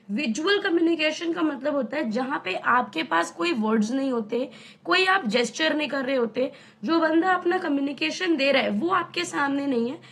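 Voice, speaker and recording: Young female tutor, high voice, casual and conversational online lesson. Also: creaky, a bit bright. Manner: chatty, explains with everyday examples and rhetorical questions. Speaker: teacher.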